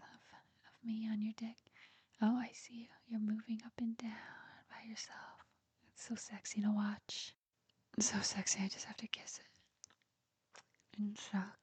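A woman speaking in a soft, breathy whisper in an intimate roleplay recording, with frequent quiet giggles, close to the mic. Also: on the high side, no echo.

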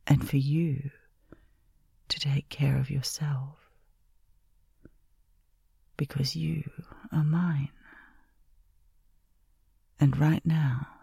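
A woman whispering softly and slowly close to the microphone, soothing a listener toward sleep in a caretaker roleplay. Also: sits low, gravelly, breathy edge, no room sound. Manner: soft, slow, soothing whisper.

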